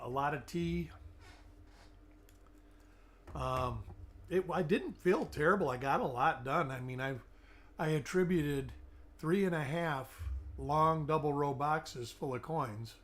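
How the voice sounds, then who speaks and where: A middle-aged man hosts a live coin-hunting stream after an illness, his voice weak and fading. Fairly high and fairly bright, he takes it slowly and pauses often, chatting and naming viewers as he sorts through coins.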